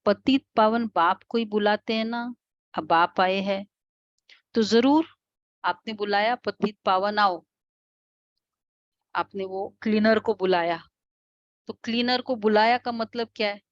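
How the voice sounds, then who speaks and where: A woman's voice: medium pitch, takes it slowly, pauses often, dry recording. Indian woman, spiritual teacher, explanatory lecture voice with questions and hums, dry dull recording. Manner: explanatory, asks the class questions with soft hums. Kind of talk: devotional class lecture.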